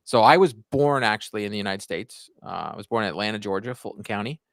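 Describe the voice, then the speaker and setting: Fast and animated, with vocal fry in a low-sitting but fairly bright voice, this Canadian hockey YouTuber in his forties rambles chattily about his channel on a podcast. Fillers and restarts pile up; the studio recording has no room sound.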